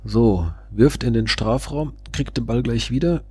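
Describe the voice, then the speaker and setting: A man with a slightly husky voice calls the football match play-by-play in a casual tone. He narrates each move as it happens. The sound is dry and close. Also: medium pitch, unhurried, no echo. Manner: describes the action, sometimes excited. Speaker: fan co-commentator.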